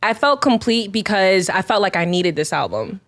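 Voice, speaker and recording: A woman's voice: medium pitch, lively intonation, normal speed, fairly bright tone. A woman guest on a podcast, talking casually and enthusiastically and laughing often. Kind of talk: casual chat.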